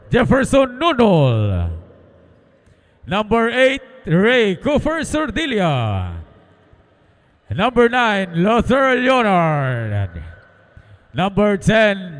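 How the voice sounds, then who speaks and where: Male echoing stadium announcer, slow drawn-out booming calls, very animated, long arena reverb. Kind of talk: stadium announcer introducing teams. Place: large indoor coliseum, over PA.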